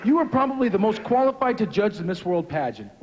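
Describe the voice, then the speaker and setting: Male co-host, very high voice, sincere and upbeat, long hall reverb with faint noise. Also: sing-song, fast, dull audio. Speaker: pageant co-host. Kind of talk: live stage hosting. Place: large indoor arena stage.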